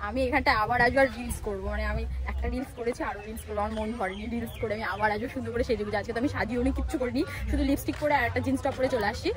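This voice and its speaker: A woman's voice: fairly high pitch, rapid-fire, few pauses. A young woman, hosting a casual travel vlog outdoors and talking straight to her viewers in an upbeat, chatty way. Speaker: vlogger host. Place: outdoors by a riverbank.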